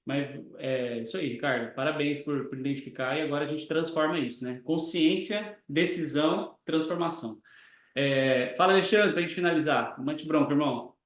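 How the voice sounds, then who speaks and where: Brief: upbeat male mentor, slightly high voice, very echoey room. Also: normal speed. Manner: energetic, coaching, drills by example. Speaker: mentor hosting a group session. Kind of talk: casual mentoring chat.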